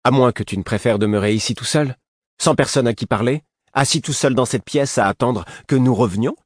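A man's voice: mid-range voice, slow, sharp tone, no echo, voice pushed up, exaggerated voice. Man reading as a teenage prince, firm, coaxing, slightly raised voice, dry sound. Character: young male prince, firm and patient.

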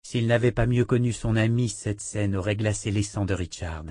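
A man narrating a fantasy audiobook in a measured, expressive reading. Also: lowish voice, no room sound, clean studio sound.

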